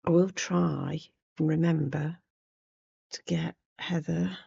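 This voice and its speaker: Still hoarse from a cold, this woman demonstrates needlework in a relaxed, chatty tutorial, her low-pitched, dark voice roughened by gravelly fry. Her tone holds steady as she works at an unhurried pace, thinking out loud and wandering off script. The audio is slightly dull.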